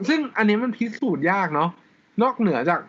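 A man's voice: high voice, big pitch swings, fast talker, a bit bright, highs cut off. A man co-hosting a casual podcast chat, explaining things step by step and laughing often. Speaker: podcast co-host. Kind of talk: casual chat about law.

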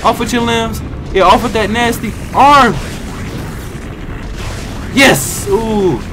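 A young American man giving excitable, trash-talking commentary while he plays a video game. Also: extremely high pitch, takes it slowly. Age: young adult. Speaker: gaming video host. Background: game music and sounds.

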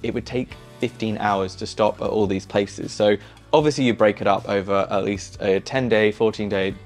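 Sitting in a small living room, a young adult travel vlogger with a fairly low voice shares enthusiastic, chatty travel tips to camera. He's easygoing and full of fillers, speaking at a normal speed with fairly even intonation while soft music plays in the background.

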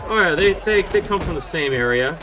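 A man giving casual let's-play commentary, excitable and profane, trash-talking the screen. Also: fairly high pitch, brisk. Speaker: gaming video host. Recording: faint game music behind.

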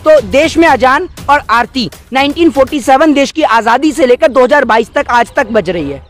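A cluster of handheld news microphones is held close to a man in his 20s, who is outside by a wall arguing about politics in indignant rhetorical questions. He sounds very high-pitched and expressive, fairly bright in tone, at a moderate pace.

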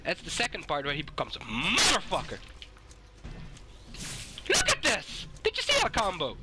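A sick, hoarse man giving swearing, excitable let's-play commentary and shouting at the game. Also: high-pitched, normal speed. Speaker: gaming YouTuber.

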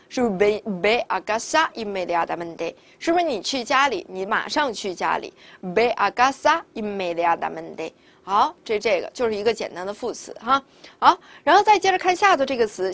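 A woman teaching Spanish vocabulary in a recorded lesson, explaining step by step with many rhetorical questions. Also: fairly high pitch.

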